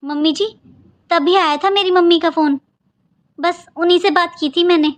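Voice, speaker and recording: Give me a woman voicing a weary young daughter-in-law, high and pleading. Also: steady tone, normal speed. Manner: pleading, complaining, earnest. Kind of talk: Hindi cartoon voice acting.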